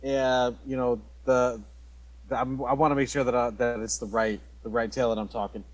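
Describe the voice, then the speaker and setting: Man, podcast co-host, mid-pitched voice, laid-back casual chat, says dude. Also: little pitch movement, brisk, rough recording.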